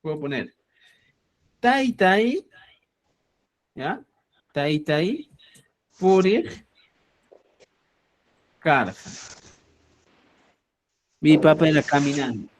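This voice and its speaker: High, lively-voiced male language teacher. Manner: explains slowly, checks in with a frequent "¿ya?"; addresses listeners as "estimados amigos". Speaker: Quechua teacher. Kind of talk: online grammar lesson.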